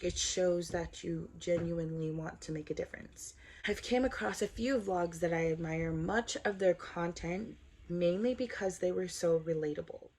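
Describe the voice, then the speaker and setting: A woman's voice: on the low side, normal speed, a little mellow. A woman in her twenties from Southern California, introducing herself in an earnest, upbeat scripted vlog. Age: 20s. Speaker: vlogger.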